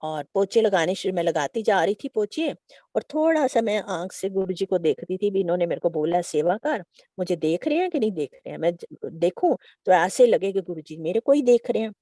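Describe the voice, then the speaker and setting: A middle-aged woman, sharing a devotional testimony in a lively storytelling way, acting out quoted dialogue. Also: medium pitch, a little fast, dry recording, clean studio sound.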